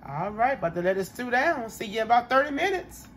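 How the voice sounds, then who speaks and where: A congested man narrating a casual cooking video from his home kitchen, relaxed and chatty, talking to viewers as y'all. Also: very high-pitched, quick pace, slight background noise. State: congested, coughing. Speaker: home cook.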